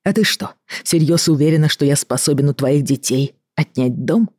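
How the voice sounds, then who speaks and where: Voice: mid-range voice, a little mellow, no echo, clean studio sound, natural voice. Reader voicing a weary, bitter man. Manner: tired, reproachful, measured. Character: weary middle-aged male doctor, fed up and bitter. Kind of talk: audiobook reading.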